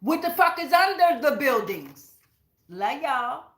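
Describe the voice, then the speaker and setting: Her voice is high, fairly bright, very animated and slow as she does a relaxed spiritual tarot reading for her channel at home. She talks right to viewers, forceful and outspoken, cursing freely, in a roomy-sounding recording.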